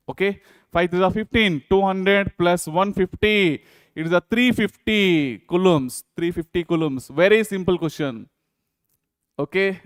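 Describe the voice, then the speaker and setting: High-sitting and clean, the voice belongs to a man with an Indian accent teaching physics on a dry recording. He walks through exam problems step by step, checking in with students again and again.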